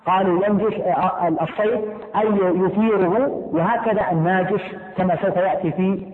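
A man teaching a class, explaining step by step, repeating key points and putting questions to his students. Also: high-pitched. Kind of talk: classroom lesson on law. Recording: echoey room, tinny phone-like sound.

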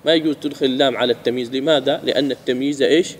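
A man teaching a grammar lesson, asking his students questions and repeating key phrases slowly. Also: mid-range voice, steady tone, a little hiss or hum.

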